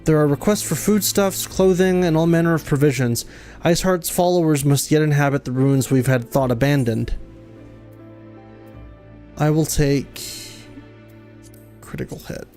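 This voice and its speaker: A man's voice: a little high, moderate pace, long pauses, darkish tone, faint music behind. A man streaming a game, reading its dialogue aloud, tripping over fantasy names and laughing often.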